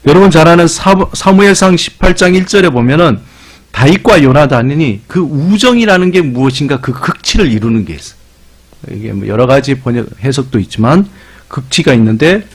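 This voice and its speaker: A man's voice: a little high, slightly rough. A middle-aged man, a pastor, preaching a sermon in a conversational way. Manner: conversational preaching with lively dialect imitations.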